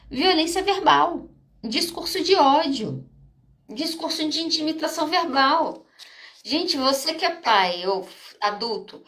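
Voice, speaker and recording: A woman's voice: high-pitched, fairly bright tone. A Brazilian woman psychologist with a Brazilian Portuguese accent, hosting a live podcast talk, direct and emphatic, driving her points home with short check-ins to listeners. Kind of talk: live podcast talk answering audience questions.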